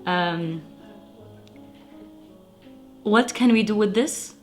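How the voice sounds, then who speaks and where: A woman's voice: medium pitch, very slow, faint music behind. A young woman, hosting a home cooking vlog in a playful, chatty way and talking straight to her viewers. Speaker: cooking channel host. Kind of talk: casual recipe vlog narration.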